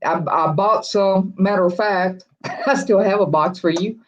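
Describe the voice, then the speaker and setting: A livestream host works through viewer comments in casual, rambling chat, often chuckling and restarting sentences. The medium-pitched voice keeps a fairly even intonation at a measured pace, heard through dull, lo-fi livestream audio.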